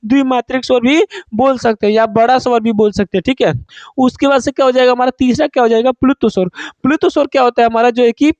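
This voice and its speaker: Male Hindi tutor, very high pitch, dry close sound, drills students with repeated questions. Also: fairly even intonation, fast, a little mellow, dry recording. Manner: asks students questions and answers them himself; calls students "babu", repeats key points. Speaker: Hindi teacher. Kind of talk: online exam-prep class.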